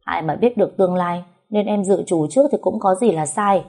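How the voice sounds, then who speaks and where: Woman as stubborn young heroine in a storybook, insistent, warm voice. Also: fairly low pitch, a little fast.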